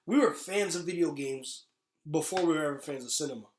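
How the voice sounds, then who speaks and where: Talking at a fairly quick clip in a slightly high voice, a podcast host chats casually about films, offering blunt, occasionally profane opinions. There's a little hiss or hum and an echoey, roomy feel to the recording.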